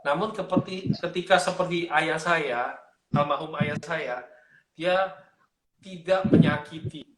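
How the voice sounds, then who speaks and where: A man telling a personal story in a casual interview, lively, acting out other people's voices as he goes. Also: on the high side, slow, pauses often, a little hiss or hum, rough recording. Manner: animated, acts out the voices of his parents. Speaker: interview guest sharing life story.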